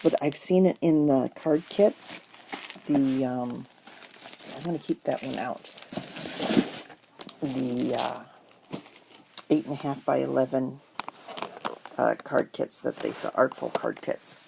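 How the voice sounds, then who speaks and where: A woman's voice: extremely low pitch, creaky. A middle-aged woman chatting casually through a crafting haul, rambling with many ums. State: has the hiccups. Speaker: crafting vlogger. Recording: noisy home recording. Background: paper crinkling and rustling.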